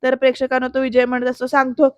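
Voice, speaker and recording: Female recap narrator, high voice, level delivery, talks straight to viewers, dry booth. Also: level tone, fairly quick, dry recording, dull audio. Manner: chatty, addresses viewers directly. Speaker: serial review narrator. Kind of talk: casual voice-over recap.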